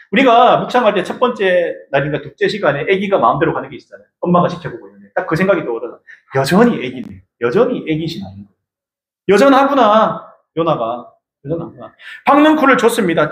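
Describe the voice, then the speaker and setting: A male pastor delivers a Sunday sermon with a high voice and a wide, lively melody. He keeps asking the congregation questions. The sound rings around an echoey church room. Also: quick pace. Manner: animated preaching, asks the congregation questions. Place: church sanctuary.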